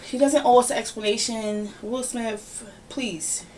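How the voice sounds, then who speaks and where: Woman podcast host, casual opinion chat, animated and ranting, a bit far from the mic, faint background hiss. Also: fairly high pitch, a little slow. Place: home room, relaxed podcast setting. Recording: somewhat distant mic with faint background noise.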